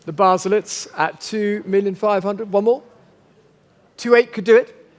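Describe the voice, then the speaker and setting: Male auctioneer, high voice, formal and courteous, live bid-calling with repeated figures. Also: steady tone, measured pace. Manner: polite, formal, coaxing bidders. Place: large auction sale room.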